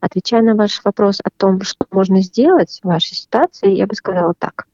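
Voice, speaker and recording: Calm woman psychotherapist, muffled dry sound. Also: medium pitch, dry recording. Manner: calm, measured advice. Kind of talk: radio advice answer.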